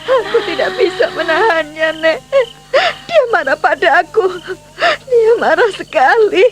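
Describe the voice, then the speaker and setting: An actress playing a distraught young wife, crying and pleading, in a radio drama over music. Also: female voice, very high voice, expressive, measured pace. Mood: tearful. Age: young adult. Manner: sobbing, pleading.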